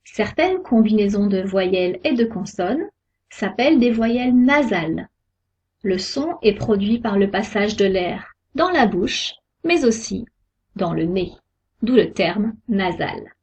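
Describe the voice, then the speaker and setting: A woman giving a scripted pronunciation lesson, sounding out each example word slowly and carefully. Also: mid-range voice, expressive, darkish tone, breathy edge. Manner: slow, careful, deliberate articulation of example words. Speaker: French pronunciation teacher. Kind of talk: slow scripted lesson narration. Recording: dull lo-fi recording.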